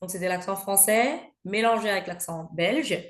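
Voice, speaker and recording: A woman's voice: mid-range voice, moderate pace. A woman with a Belgian French accent, speaking as an interview guest in a conversational, hesitant way with frequent filler sounds. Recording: roomy echo.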